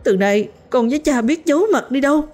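Female narrator as an enraged young woman, screaming very high and hoarse. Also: a little fast, darkish tone. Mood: shrill outcry. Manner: shrill, screaming, tearful.

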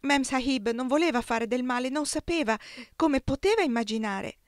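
A woman's voice: sits high, normal speed, voice pushed up, close to an everyday voice. A woman reading an audiobook, voicing Bibi, a frightened servant who shrills and pleads in anguish. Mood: panicked.

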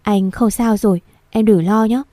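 A woman voicing a young husband who speaks gently and calmly to reassure his wife. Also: on the high side, moderate pace, no room sound, natural voice. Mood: soothing.

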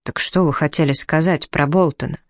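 A man voicing a calm young male country doctor who speaks gently and soothingly, in a storybook reading. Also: a little high, a little fast, no echo, studio quality, lightly acted. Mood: startled.

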